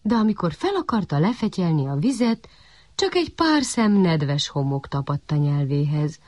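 Woman reading a children's tale, lively rising and falling voice, slightly husky, close dry sound. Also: low voice, dry recording. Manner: expressive, animated storytelling. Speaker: storyteller. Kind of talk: reading a children's story aloud.

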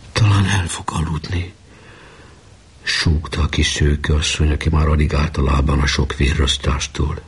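A man reading a novel aloud in a calm, measured audiobook narration. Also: extremely low pitch, breathy edge.

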